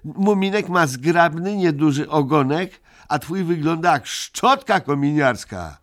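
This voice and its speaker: A man voicing a bossy young male creature who shouts threats. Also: a little high, animated, a little slow, pitched above the performer's own voice. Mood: threatening.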